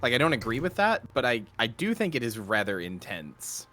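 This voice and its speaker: A man's voice: medium pitch, very animated, brisk, music in the background. A man chatting casually as co-commentator on a game playthrough, with faint background noise. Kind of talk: casual chat.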